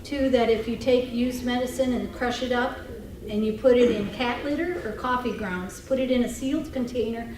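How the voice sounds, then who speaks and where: A woman's voice: fairly high pitch, moderate pace, hardly any pauses. A woman, a free clinic representative talking earnestly to a club meeting, with many ums and restarts. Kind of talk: casual talk to a club meeting. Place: meeting room. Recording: echoey room, distant mic, noisy.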